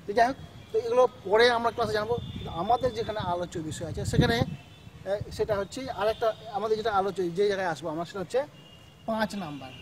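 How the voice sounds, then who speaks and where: A man's voice: high voice, very fast, background noise. A male school teacher, teaching a grammar lesson step by step and often checking in with his students. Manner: explains step by step, checks in with "ঠিক আছে?".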